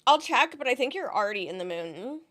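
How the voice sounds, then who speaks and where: A woman streaming live, chatting casually, greeting viewers and squealing excitedly over subscriptions. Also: fairly high pitch, a little fast. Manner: bubbly, greets chatters, gasps and squeals at subs.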